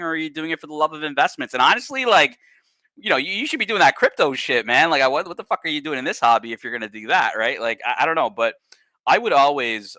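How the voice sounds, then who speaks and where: This livestream host, a man with a mid-range voice that carries a bright, forceful edge, talks bluntly and casually, cursing often and breaking off into lively tangents. The audio is close and dry, with barely any room reverb.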